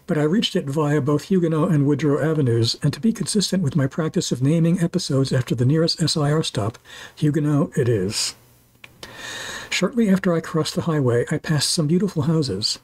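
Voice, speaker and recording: A man in his sixties reads a scripted voice-over for a food and walking tour, his humor dry and wry. His voice is on the high side, a little mellow and husky. It was recorded as a voice-over rather than on location.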